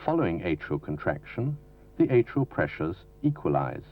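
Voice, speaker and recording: The narrator of this educational medical film is a man with a very deep voice reading a script in a formal, teaching tone. He keeps a measured pace while his pitch moves around expressively. The audio is muffled and low-fidelity, like a 1970s soundtrack transferred from videotape.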